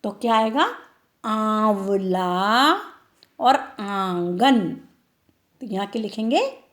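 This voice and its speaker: Slow, patient woman teaching small children. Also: mid-range voice, a bit bright. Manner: slow, drawn-out word-by-word reading, tag questions to pupils. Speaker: primary school teacher. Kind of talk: online class for young children.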